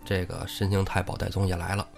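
A man hosting a comic storytelling show, retelling a classic tale in lively, colloquial speech with wry asides. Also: low voice, fast talker, creaky, soft background music. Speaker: storyteller host.

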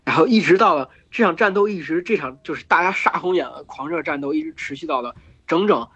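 A hoarse man hosting a podcast, retelling an epic in casual chat, full of fillers and restarts. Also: on the high side, lively intonation, fast, a bit bright. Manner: rambling with many fillers and restarts. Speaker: podcast host retelling myths. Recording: dull lo-fi podcast recording with faint music.

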